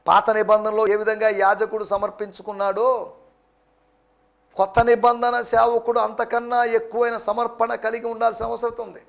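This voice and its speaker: High, gravelly male preacher. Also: completely flat delivery, moderate pace. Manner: preaching with English phrases mixed in, emphatic. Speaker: pastor. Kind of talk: sermon.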